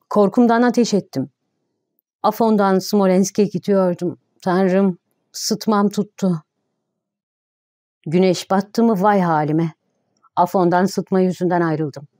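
A woman's voice: on the low side, dark tone, dry recording, studio quality, lightly acted. A woman reading aloud voices a frightened, sick male carpenter who pleads in a trembling, tearful voice.

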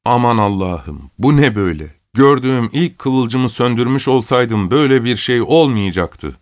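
A man's voice: mid-range voice, animated, moderate pace, lightly acted. A man voicing a vengeful peasant villager. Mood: despairing. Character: angry desperate male peasant villager.

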